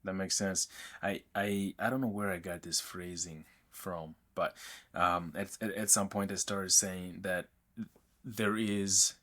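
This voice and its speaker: A man who grew up in Mozambique and is not a native English speaker, hosting a podcast interview in a casual, halting way with many restarts. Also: low-pitched, fairly bright tone. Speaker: podcast host.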